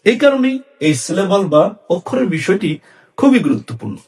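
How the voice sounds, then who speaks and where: A man with a Bangladeshi Bengali accent, a fairly high pitch and a slightly husky grain, teaches a diction lesson. His delivery is measured and clear, and his voice rises and falls as he walks through each point. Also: big pitch swings, a little mellow. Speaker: speech and debate instructor. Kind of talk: educational lesson on Bengali syllables.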